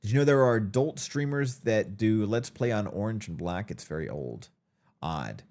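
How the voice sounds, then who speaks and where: A man's voice: lowish voice, expressive, normal speed, darkish tone. A man hosting his live stream in a casual chatty way, greeting viewers by name in an upbeat tone. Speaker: streamer host.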